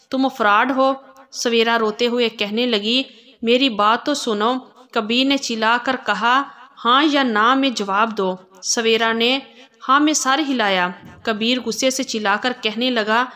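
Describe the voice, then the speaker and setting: A woman tells a moral story in steady, dramatic narration. Her voice sits somewhat high, and she reads the script from start to end.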